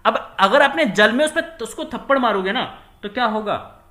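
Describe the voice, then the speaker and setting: A man's voice: very high voice, lively intonation, moderate pace, pushed and bright, reverberant. A man teaching a physics lesson, who repeats key words and asks questions that he answers himself. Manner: acts out little scenes with quoted dialogue. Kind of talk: classroom lecture.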